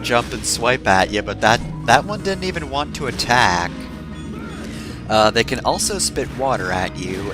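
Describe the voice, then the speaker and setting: A man with a medium-pitched voice hosts a let's-play, giving casual, rambling commentary on a video game. He drifts into frequent digressions and adds wry, sarcastic asides.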